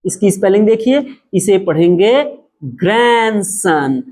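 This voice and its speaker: A man teaching a spoken lesson, explaining emphatically, asking and answering his own questions, and repeating example words slowly and drawn out. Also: extremely high pitch.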